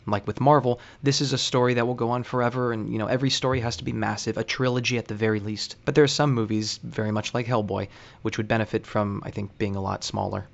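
A man hosting a show, reading scripted narration in a dry, deliberate and wry way. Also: lowish voice, steady tone, vocal fry, lo-fi sound. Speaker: host.

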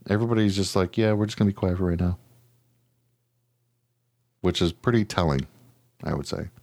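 In a deep voice at a fairly quick pace, with no room sound, a middle-aged American man co-hosts a casual podcast. Blunt and profane, he tells animated stories and imitates people's words along the way.

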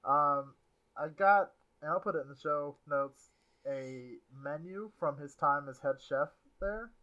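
A podcast host in casual comedic chat, talking fast, swearing freely and jumping into silly voices. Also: medium pitch, bright, forceful tone, lo-fi sound.

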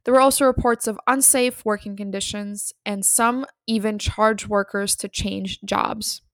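A woman's voice: medium pitch, fairly even intonation, measured pace, fairly bright tone, no echo. A woman hosting a podcast, reading scripted introductions and narration. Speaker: podcast host.

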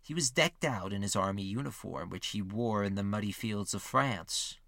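Guy reading a history script, bright tense voice, super dry close mic. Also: fairly low pitch, gravelly, dry recording. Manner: measured, reads quotes aloud with lifted emphasis. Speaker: history podcast narrator. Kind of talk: scripted narration.

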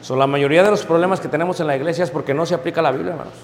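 Man, pastor, sermon, hushed asides and loud peaks, long church reverb, faint hum. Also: on the high side, steady tone, rapid-fire. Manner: storytelling, addresses congregation as brothers, frequent "¿ok?".

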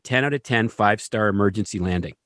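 Animated male storyteller, dry sound. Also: on the low side, quick pace, no echo. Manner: animated, keeps asking "right?". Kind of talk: casual storytelling.

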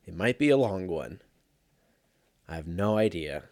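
A man's voice: deep voice, sing-song, measured pace, darkish tone, dry recording, studio quality. A man in his thirties hosting a casual solo podcast, sounding drained after a sick night, rambling with profanity and frequent laughter. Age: 30s. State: low energy after being sick. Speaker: podcast host.

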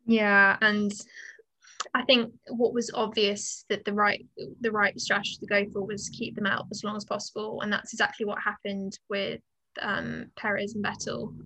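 A woman co-hosting a chatty podcast, her voice bright and fairly even in pitch. She talks in an opinionated, easygoing way and laughs often. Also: poor audio. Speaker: podcast co-host. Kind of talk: casual chat.

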